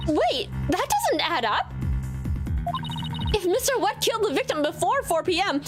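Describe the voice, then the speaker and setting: An earnest young defense attorney presses the case, the voice swinging lively up and down as a woman reads the part a bit lower than her own voice. Game music sounds clearly in the background. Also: normal speed. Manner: earnest, reading dialogue aloud.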